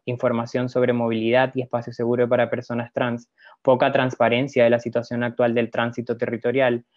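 A man's voice: mid-range voice, a little mellow, dry recording. Dull, dry voice-over of a hesitant man. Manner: measured, hesitant, with pauses and fillers. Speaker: presenter. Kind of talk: narrated slide presentation.

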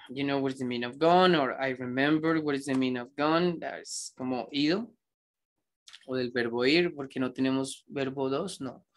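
A man teaching an English grammar lesson, with reflective rambling asides and slow, careful dictation of example sentences. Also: a little high. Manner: switches between explaining and slow dictation of examples.

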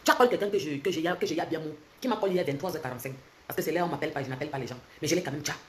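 She's in her forties, with a Cameroonian French accent, ranting on a phone livestream as a social media commentator; a little hiss or hum is audible. Indoors in a bright room with the phone close, she talks fast and confrontationally, swinging from loud ridicule to low, intense lecturing.

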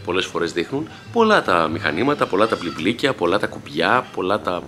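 This deep, very animated, fairly bright-toned man's voice comes with soft background music. Filming on a handheld camera, he vlogs his workday as a video editor at a TV station, chatting casually and joking playfully while walking to the control room.

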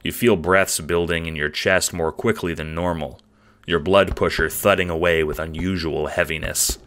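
A man's voice: deep voice, steady tone, normal speed, fairly bright tone. A man narrating a scripted audio drama in the second person, with a descriptive storytelling manner.

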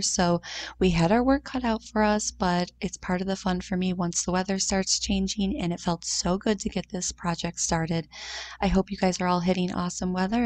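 A woman's voice: mid-range voice, darkish tone. A woman in her thirties narrating her cleaning vlog in a chatty, upbeat voice-over, with frequent "um"s. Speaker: cleaning vlogger.

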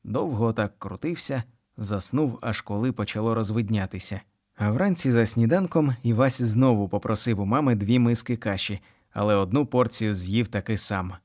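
A man narrating a children's story in an expressive storytelling manner. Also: lowish voice, moderate pace, dry recording, clean studio sound. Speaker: audiobook narrator.

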